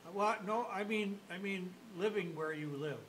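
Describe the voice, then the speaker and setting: A male host of a talk show who speaks in a friendly, rambling and halting way while interviewing a guest. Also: high voice, a bit bright, poor audio.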